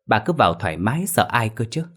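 A man playing a haughty old village official and husband who talks in a shaken, shouting way, in a spoken ghost story. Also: lowish voice, sing-song, fast, breathy edge, full character voice. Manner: trembling, then shouting.

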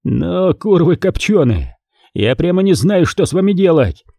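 A man reading an audiobook, voicing a furious, foul-mouthed middle-aged army battalion commander who shouts and bullies. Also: a little high, big pitch swings, moderate pace, no echo, studio quality, pitched above the performer's own voice. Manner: shouting, swearing, bullying.

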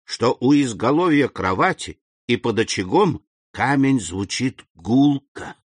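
Man doing a higher-pitched eager gatekeeper. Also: animated, unhurried, breathy edge, no room sound. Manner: eager, deferential, surprised. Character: humble middle-aged male prison gatekeeper.

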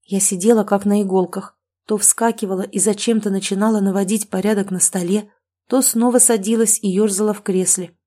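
A woman's voice: mid-range voice, steady tone, a little fast, dark tone. Woman reading an audiobook aloud. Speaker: audiobook narrator. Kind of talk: scripted audiobook narration.

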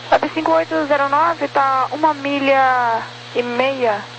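A woman with a high voice gives air traffic instructions over the radio. Her phrasing is terse and procedural, with faint static underneath. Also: little pitch movement, takes it slowly, a bit bright, poor audio. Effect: radio transmission.

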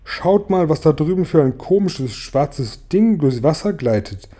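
A man voicing a boastful male centipede in a storybook reading, calling out in a raised, excited voice. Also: medium pitch, normal speed, lightly acted.

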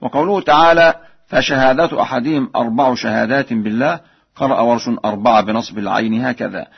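A man explaining recitation variants in measured speech, then chanting the examples slowly and melodically, from an archival radio broadcast. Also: mid-range voice, gravelly, breathy edge, lo-fi sound. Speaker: Quran recitation teacher.

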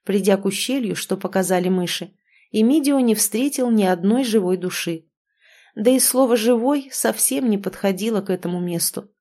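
A woman reading a dark fantasy story aloud in a measured, dramatic way. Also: medium pitch. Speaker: narrator. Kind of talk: audiobook fantasy narration.

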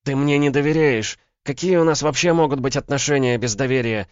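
A fiery young woman with a sharp, scornful tongue, pitched far up and loud, as a male reader puts her on. She sounds dry and a little dull on the recording. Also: a little fast, no echo, lightly acted. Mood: accusing. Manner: sharp, scornful, shrill when shouting. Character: fiery young woman, proud and quick to anger.

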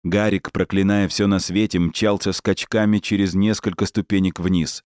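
A man narrates a novel in steady, measured scripted narration. His voice sits low and the sound is dry and close, with no room around it. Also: no room sound. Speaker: audiobook narrator.

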